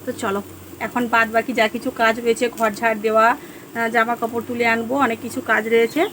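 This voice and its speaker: A woman vlogger with a Bengali accent, chatting casually to viewers at home about her day, rambling with many fillers, her voice a little hoarse. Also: on the high side, level tone, fast, fairly bright tone, slight background noise. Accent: Bengali (West Bengal). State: hoarse, throat going. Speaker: vlogger, housewife. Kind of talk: casual vlog chat to viewers.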